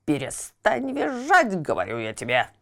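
A woman voicing a cruel, blustering male puppet master who barks and grumbles slowly. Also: low voice, wildly swooping pitch, creaky, a bit bright, exaggerated voice. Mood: angry. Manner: barking, grumbling, slow.

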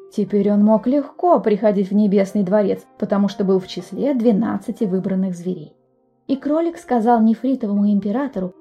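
A woman reads a bedtime fairy tale in a gentle, expressive way, speaking to the listener. Her voice is soft and mellow. Faint music plays underneath. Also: medium pitch, breathy edge, highs cut off. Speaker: storyteller, podcast host. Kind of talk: scripted bedtime story narration.

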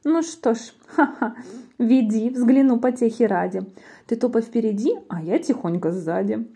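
A woman voicing a big, hungry male monster in a rhyming storybook, speaking gruffly and lower. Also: normal speed, dark tone. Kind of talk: storybook reading in verse.

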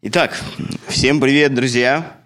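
A man's voice: mid-range voice, fairly even intonation, takes it slowly, fairly bright tone. A man in his thirties from Russia, co-hosting a casual podcast and talking earnestly with fillers. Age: 30s. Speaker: podcast co-host. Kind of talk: casual chat.

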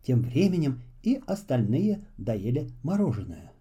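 A man narrating a children's fairy tale in an expressive, melodic reading. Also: medium pitch, unhurried, slightly rough.

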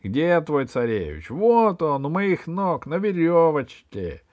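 A man's voice: mid-range voice, lively intonation, moderate pace, creaky. A man reading a storybook aloud, voicing a sinister, scheming male villain with a menacing, gloating manner.

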